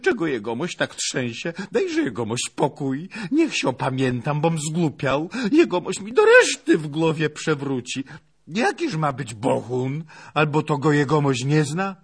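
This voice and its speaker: A man voicing a chubby, excitable young male servant in an audiobook. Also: fairly high pitch, unhurried, breathy edge, pitched above the performer's own voice, exaggerated voice. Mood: frantic. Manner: excited, exclaiming.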